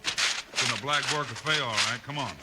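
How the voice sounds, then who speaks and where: An actor playing a steady, level-headed Wild West lawman in a 1950s radio Western, composed and commanding, with an American accent. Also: mid-range voice, moderate pace, lightly acted. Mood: alert. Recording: crackly 1950s radio recording.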